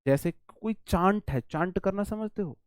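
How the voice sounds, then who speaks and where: A man with an Indian accent teaching a vocabulary lesson for exam students, animated and repetitive, with chatty asides. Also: high voice, measured pace, smooth, no room sound, studio quality.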